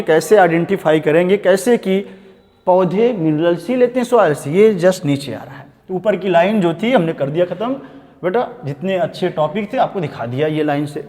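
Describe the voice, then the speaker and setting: A man with a high voice teaches biology for exam prep, speaking Hinglish. He keeps calling his students "beta" and tells them to pay attention. He reads textbook lines out slowly, then explains them at speed, and a long reverb hangs on his voice. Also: darkish tone. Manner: addresses students as beta, repeats "dhyan denge".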